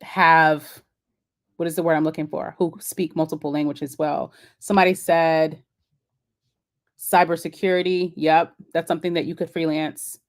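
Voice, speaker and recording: Woman host, low-pitched, casual live Q&A, chatty and encouraging, lots of ums and restarts. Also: little pitch movement, moderate pace.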